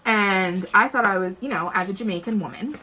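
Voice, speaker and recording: A woman's voice: medium pitch, brisk. Joking Nova Scotian woman chatting. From Nova Scotia, Canada. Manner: lively, joking, candid. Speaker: salon client. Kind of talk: casual chat, storytelling. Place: nail salon, indoors. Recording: noisy salon, nail sanding behind.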